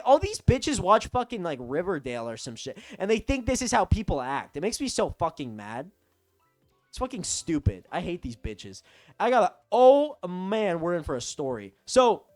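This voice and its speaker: Young male vlogger, lively and high-pitched, swearing rant, dry close sound. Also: no room sound. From Texas. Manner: rambling, profane, animated. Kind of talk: storytime rant.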